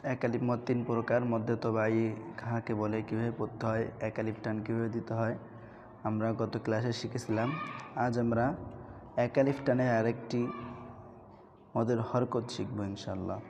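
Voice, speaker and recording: A man's voice: medium pitch, level tone, moderate pace, a little mellow, slight background noise. A man teaching a recorded Quran reading lesson with a Bangladeshi Bengali accent, drilling letter sounds and stretching vowels when chanting.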